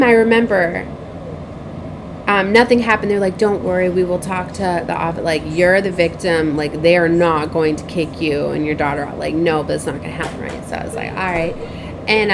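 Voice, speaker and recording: Speaking in a lowish voice against background noise, a woman who works as a tarot reader and spiritual advisor hosts a loose, meandering vlog. She circles back over the same points, seeks agreement with little tag questions, and performs bits of dialogue from memory.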